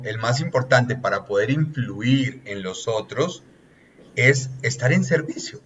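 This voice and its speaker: A man's voice: medium pitch, fairly bright tone, dull audio, slight background noise. A man, a relationships consultant giving an earnest, teacherly coaching talk that lists points one by one.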